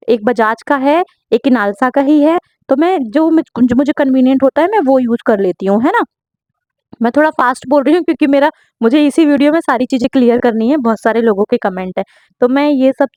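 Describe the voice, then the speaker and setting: A woman's voice: high voice, dry recording, muffled recording. A young woman home baker, chatting earnestly as she answers viewers' questions in a casual vlog, often checking in with her listeners. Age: young adult.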